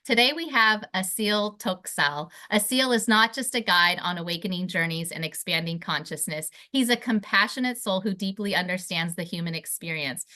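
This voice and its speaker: Bright, effusive woman host. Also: lowish voice, moderate pace, few pauses. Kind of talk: interview hosting.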